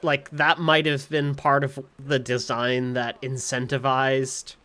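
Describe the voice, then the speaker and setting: A man giving casual live gameplay commentary as a streamer, musing and halting as he talks. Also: medium pitch, monotone, sharp tone. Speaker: game streamer.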